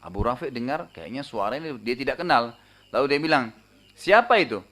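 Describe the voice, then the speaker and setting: A man preaching a storytelling sermon, conversational and animated, often tagging sentences with casual fillers. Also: mid-range voice, fast talker. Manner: conversational, frequent tag fillers; animated retelling, raising voice for dramatic moments. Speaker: Islamic preacher.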